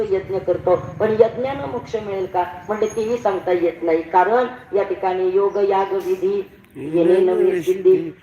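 A woman's voice: medium pitch, dark tone. A woman giving a devotional sermon at a village bhajan gathering, calling on the audience to answer and acting out the story's characters. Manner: acts out story characters in a rising voice. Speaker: kirtan preacher. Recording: roomy, distant, dull live recording.

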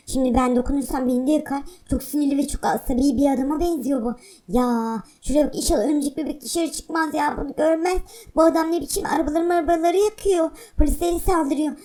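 A woman's voice: sits high, dark tone. A woman narrating and voicing toys in a play-acting video, with fretful exclamations.

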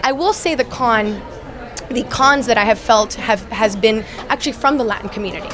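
Brisk and fairly high-pitched, a young woman from Miami, USA answers questions as an actress guest in a casual event interview. She talks earnestly, restarting and using fillers frequently, into the interviewer's handheld mic while the crowd chatters behind her.

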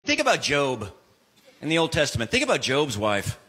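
A man's voice: fairly high pitch, wildly swooping pitch, normal speed, in a large hall, over a noisy crowd, heavy background noise. A man performing stand-up comedy, acting out characters in comic voices and singing parody songs. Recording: loud music behind the voice.

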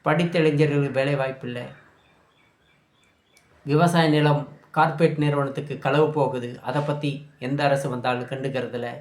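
A man ranting in anger about politics, scolding and shouting at his listeners. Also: mid-range voice, fairly even intonation, normal speed, pauses often, echoey room. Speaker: political commentator. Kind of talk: angry political rant.

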